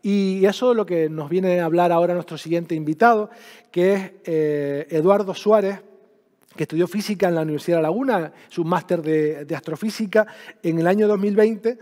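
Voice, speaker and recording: A man introducing a speaker to an audience, telling a reflective story with halting pauses. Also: high-pitched, dark tone. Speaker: event presenter introducing a speaker. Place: public event in a large hall. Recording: echoey hall, long reverb.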